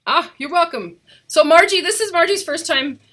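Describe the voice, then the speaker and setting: Bright-voiced, chatty woman, hollow cave-like sound. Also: very high voice, normal speed. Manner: chatty, rambling, enthusiastic. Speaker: crafting host and demonstrator. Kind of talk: casual live craft tutorial.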